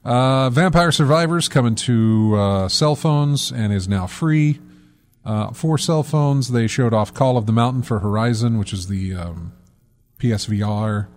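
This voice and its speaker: A man's voice: medium pitch, a little slow, darkish tone, faint music behind. Rambling male gaming podcast host. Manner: rambling, self-correcting, many fillers. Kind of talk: casual gaming podcast chat.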